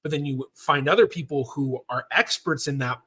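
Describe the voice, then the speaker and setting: Chatty bright-voiced man. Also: medium pitch, normal speed, breathy edge. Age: 30s. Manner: chatty, rambling, with frequent fillers. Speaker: professional genealogist host. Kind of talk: casual livestream Q&A.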